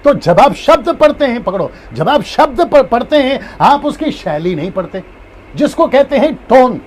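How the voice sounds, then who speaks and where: High-voiced man preaching. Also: normal speed, slight background noise. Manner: repeats key points, animated with acted tones. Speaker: pastor. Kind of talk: live-streamed Bible teaching.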